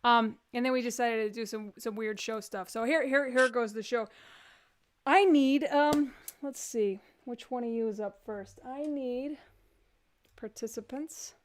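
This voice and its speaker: Speaking at an unhurried pace in a fairly high voice, this Texan-accented woman runs a live stream full of casual, comedic chatter and meandering jokey asides.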